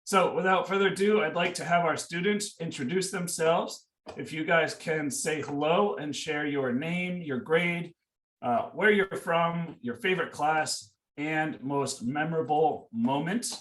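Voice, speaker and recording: A man's voice: on the high side, measured pace, a bit bright, recorded from a distance. A man hosting a school information session over a video call, easygoing and casual with many "uh"s and "um"s. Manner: easygoing, with frequent "uh" and "um". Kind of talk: moderating a video-call panel. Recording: echoey room, away from the mic.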